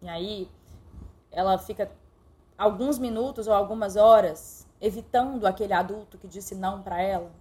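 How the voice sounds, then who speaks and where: A woman's voice: mid-range voice, normal speed. A middle-aged woman teaching a live-streamed online lesson, speaking directly and affectionately to her viewers. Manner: warm direct coaching, addresses viewers affectionately.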